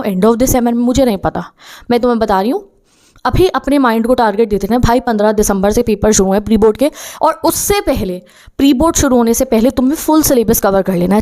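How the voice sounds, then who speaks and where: A woman's voice: on the high side, warm tone. A young woman giving students study advice in a direct, urgent motivational talk, often acting out their thoughts.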